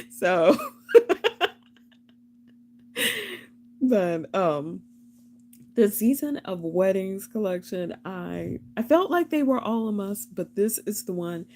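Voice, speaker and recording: A woman's voice: mid-range voice, expressive, measured pace, warm tone, slight background noise. A young woman hosting a casual live stream, chatting and rambling with frequent laughs.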